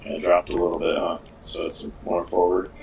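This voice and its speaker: A man with a lowish voice chats on a live drawing stream. He hesitates often and fills gaps with ums and uhs. Faint noise hums underneath. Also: level tone, moderate pace, gravelly, darkish tone, reverberant, low-quality recording. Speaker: comic artist co-host. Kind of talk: casual chat on a livestream.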